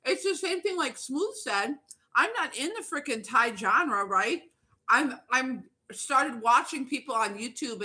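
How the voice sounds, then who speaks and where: A woman's voice: on the high side, pushed and bright. A woman livestreaming as a YouTuber, chatting in a blunt, profane, fired-up rant while eating. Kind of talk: casual ranting livestream chat.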